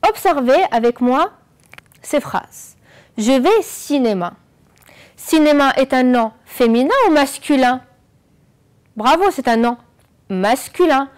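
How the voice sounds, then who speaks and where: A woman teaching French on an educational channel, explaining slowly and clearly and asking the viewers questions. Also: high voice, expressive, darkish tone. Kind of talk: televised classroom lesson.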